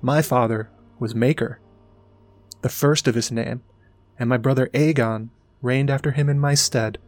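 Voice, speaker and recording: A man's voice: mid-range voice, steady tone, close to an everyday voice. A man reading as Maester Aemon, weary and ancient. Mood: solemn. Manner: slow, grave, sorrowful delivery. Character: ancient blind frail old male maester, weary.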